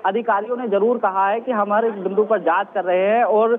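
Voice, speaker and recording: Man, field reporter, live from the scene, earnest, high voice, phone-line sound. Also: fairly even intonation, a little fast. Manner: earnest, questioning, repeats key points. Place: outdoors at a mall. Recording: tinny phone-line audio.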